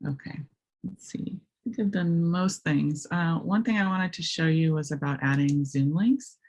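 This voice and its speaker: A woman with a raspy voice presenting a webinar, walking through software step by step with many hesitant ums. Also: low voice, normal speed. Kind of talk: screen-share software walkthrough.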